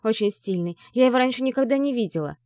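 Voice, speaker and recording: A woman's voice: a little high, lively intonation, fast, dark tone, dry recording, clean studio sound, voice pushed up, lightly acted. A woman voicing Arina, a carefree young student who speaks in an airy, gushing way. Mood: dreamy.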